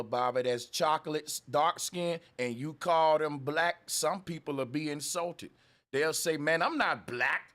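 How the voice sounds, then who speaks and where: A man with a somewhat high voice and argues in a casual panel debate. He talks over others, repeating phrases to hold the floor. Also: fairly bright tone. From United States. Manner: interrupts, emphatic, repeats phrases.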